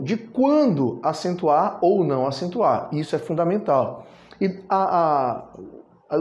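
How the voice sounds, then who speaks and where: A man's voice: fairly high pitch, a little mellow, echoey room. A Brazilian man teaching a grammar lesson, affectionately calling his students "my loves" and drawing out filler sounds. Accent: Brazilian Portuguese.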